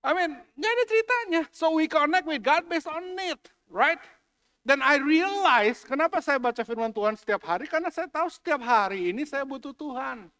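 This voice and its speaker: A man's voice: extremely high pitch, pushed and bright. A male pastor preaching a sermon in a church, joking with the congregation and slipping English phrases into his talk. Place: church hall. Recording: long hall reverb.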